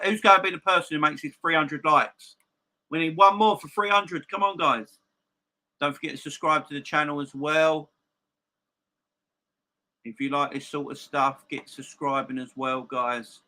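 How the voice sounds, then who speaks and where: Man with very bright, slightly lisping voice. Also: medium pitch. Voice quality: slight lisp from a missing front tooth. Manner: emphatic, repeats phrases for emphasis. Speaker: football fan channel live stream host. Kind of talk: casual live-stream chat and football opinion, addressing viewers.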